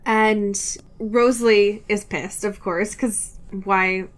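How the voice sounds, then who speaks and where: An American woman co-hosts a podcast, casually recapping a book for comedic effect with slangy, giggly, mock-exasperated drama. Her voice is medium in pitch with fairly even intonation, and she speaks slowly. There's slight background noise.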